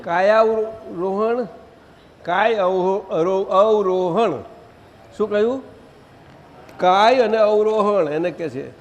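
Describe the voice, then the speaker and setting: A man leading a satsang, gently directing the audience and asking them questions. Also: high-pitched, slow pace, long pauses. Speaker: spiritual teacher leading a satsang. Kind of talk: conversational religious gathering talk. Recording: long hall reverb.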